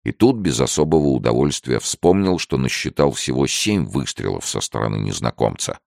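A man reading an adventure novel aloud as narrator, with steady, lively storytelling. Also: rumbling low, creaky, no room sound, clean studio sound.

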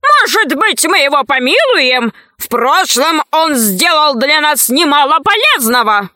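A scheming male priest presides over a trial, wheedling one moment and commanding the next, voiced by a woman. His bright, raised voice moves a lot and takes its time, recorded close and dry. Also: high-pitched, sing-song, measured pace, no room sound, voice pushed up, full character voice. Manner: commanding, sly.

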